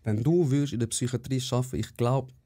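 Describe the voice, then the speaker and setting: A young Swiss German-accented man with a dark, mellow tone hosts a casual chat about nursing. He talks bluntly and with energy, tossing in casual swearing, at a medium pitch. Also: quick pace, breathy edge. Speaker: psychiatric nurse, podcast host.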